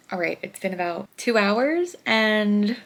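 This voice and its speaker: A woman's voice: mid-range voice, animated, takes it slowly, gravelly, fairly bright tone. A young woman in a casual, candid vlog voice-over. She is chatty and pokes fun at herself, and she has a runny nose. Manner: chatty, candid, self-deprecating. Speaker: vlogger.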